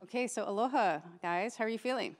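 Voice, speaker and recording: A woman's voice: fairly high pitch, quick pace, slight background noise. A woman from Hawaii, moderating a conference panel in an informal way and mixing in words. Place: conference hall stage. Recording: long reverb of a large hall.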